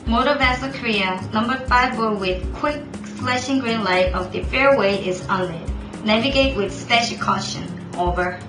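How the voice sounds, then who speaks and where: This is a woman voicing a formal port service operator on a marine radio channel. Her voice sits a little high and every call is clipped and procedural. The sound is roomy, with music playing underneath. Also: moderate pace. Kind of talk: scripted maritime radio role-play. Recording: echoey room with music underneath.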